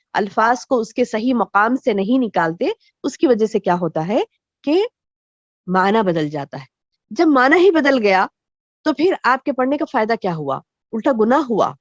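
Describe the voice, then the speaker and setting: Woman religious teacher, fairly high voice, dry dull lo-fi recording, repetitive teaching lecture. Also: no echo. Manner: explains slowly with repeated phrases and rhetorical questions.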